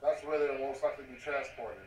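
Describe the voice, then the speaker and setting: A man playing a calm, devout male cleric healer with formal, measured speech through a voice changer filter. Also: mid-range voice, echoey room, recorded from a distance, a little hiss or hum. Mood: serene. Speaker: tabletop game player.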